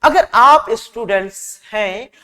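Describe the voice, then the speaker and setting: A man's voice: very high voice, expressive, slow pace. Male vocab tutor, chatty drill style, echoing hall sound. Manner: repetitive call-and-response drilling; warm and chatty with students. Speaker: vocabulary teacher. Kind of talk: exam-prep vocabulary lesson.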